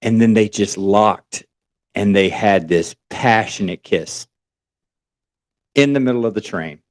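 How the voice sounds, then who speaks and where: Man retelling a story, fairly low voice. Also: takes it slowly. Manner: animated retelling with acted quotes. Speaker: podcast co-host. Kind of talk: storytelling on a podcast.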